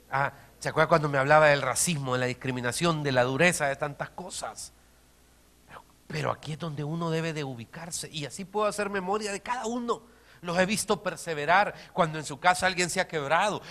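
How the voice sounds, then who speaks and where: A man, a pastor preaching a sermon, swinging between quiet, close remarks and loud, emphatic repeated phrases. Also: fairly high pitch. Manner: dynamic preaching, swinging from soft to shouted emphasis.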